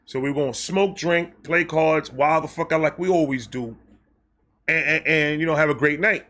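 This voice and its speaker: Bright, forceful-voiced man telling a story. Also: fairly high pitch, normal speed. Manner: animated, profane and self-mocking, with frequent restarts and repeated phrases. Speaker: storytime vlog host. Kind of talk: casual personal storytelling to camera.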